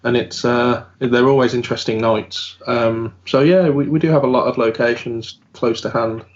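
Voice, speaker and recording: A man's voice: medium pitch, steady tone, normal speed. A man who investigates the paranormal, talking through his work in a casual round-table chat. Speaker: paranormal investigator and podcast host. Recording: dull lo-fi audio.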